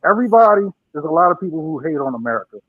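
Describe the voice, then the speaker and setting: A man's voice: fairly high pitch, sing-song, racing, a crowd in the background. Muffled man on a phone line. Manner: blunt, emphatic, repeats points. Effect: muffled, as if through a wall. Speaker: first-time caller. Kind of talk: call-in talk show.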